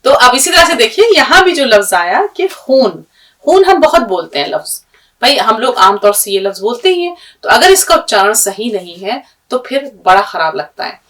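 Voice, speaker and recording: Woman teacher, patient, spells letters out slowly, fairly high voice, mic far off in a classroom. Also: very animated, a bit bright. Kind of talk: language lesson with a story.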